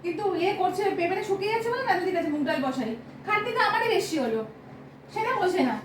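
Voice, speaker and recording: A woman with a West Bengal accent complaining in a casual domestic argument at home, talking quickly with many fillers. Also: very high voice, big pitch swings, a little hiss or hum. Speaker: vlogger and homemaker. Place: home kitchen. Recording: roomy and distant.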